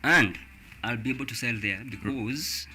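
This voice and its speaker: A man's voice: medium pitch, normal speed, bright, forceful tone. A man from Central Kenya with a Kenyan accent, a Gikuyu speaker, talking as a musician in a conversational interview. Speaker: reggae musician interview guest. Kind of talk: conversational interview, mixing English and Swahili.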